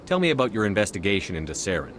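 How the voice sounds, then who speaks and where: An actor playing a human military commander in a video game, asking questions in a direct, matter-of-fact way. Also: male voice, fairly low pitch, sing-song, rapid-fire, background noise. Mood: direct, probing. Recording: game music behind the voice.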